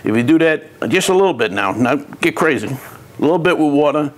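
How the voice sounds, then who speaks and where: A man's voice: on the high side, lively intonation, a little fast. A man from New City, venting in a rambling, frustrated vlog about his hobby, with many restarts. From New York City. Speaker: RC hobby vlogger. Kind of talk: ranting vlog to camera.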